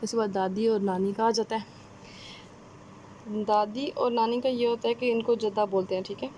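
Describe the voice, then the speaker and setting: A woman with a Pakistani Urdu accent giving a conversational exam-prep lecture, often pausing with fillers and checking-in tags. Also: on the high side, fairly even intonation, warm tone, a little hiss or hum. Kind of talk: explanatory lecture.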